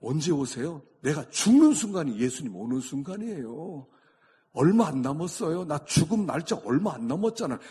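A man preaching a sermon as a pastor, swinging between loud exclamations and hushed, near-whispered lines. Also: fairly high pitch, sing-song, normal speed, slightly rough.

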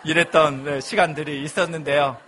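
A man's voice: on the high side, steady tone, fairly quick, fairly bright tone, a little hiss or hum. A male pastor in his thirties, preaching a sermon with humorous personal storytelling.

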